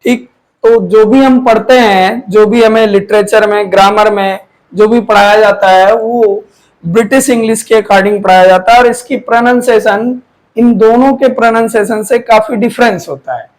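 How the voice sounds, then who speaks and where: A man's voice: high-pitched, fairly even intonation, moderate pace, poor audio. A man teaching, who asks questions and answers them himself, often repeating key words. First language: Hindi. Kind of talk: classroom lecture.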